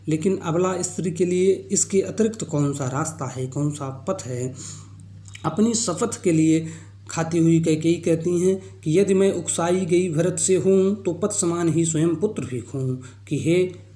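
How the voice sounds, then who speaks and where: A man's voice: fairly high pitch, warm tone. A male teacher who recites lines of a poem and then explains each one in plain words. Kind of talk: explaining a Hindi poem line by line. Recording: echoey room.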